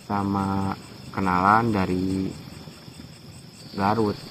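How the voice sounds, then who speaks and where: A man casually recounting what he has seen, in halting short phrases, outdoors at night. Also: deep voice, level tone. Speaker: local witness being interviewed. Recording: clear insect noise, outdoors at night.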